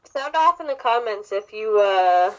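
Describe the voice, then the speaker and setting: A woman's voice: medium pitch, lively intonation, measured pace, low-quality recording. A young adult woman co-hosting a podcast in casual chat, blunt and sarcastic with strong opinions. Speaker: podcast co-host.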